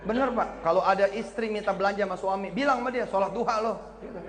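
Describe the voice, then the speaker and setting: A somewhat high-voiced male preacher, spinning humorous stories and slipping into voices for each character. He is caught in an echoey hall, with loud ambient noise around him. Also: quick pace. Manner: lively storytelling, acts out dialogue in voices, joking. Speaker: Islamic preacher. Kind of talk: humorous sermon to a live congregation. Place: evening gathering before an audience.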